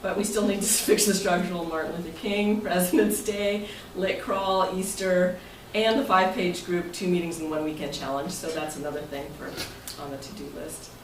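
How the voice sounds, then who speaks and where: The voice is a woman's, fairly low in pitch and fairly even, moving at normal speed with few pauses. She's an American club president hosting a meeting, talking informally and jokily, chuckling often, reading part from prepared text. A distant mic catches her in an echoey, noisy indoor meeting room.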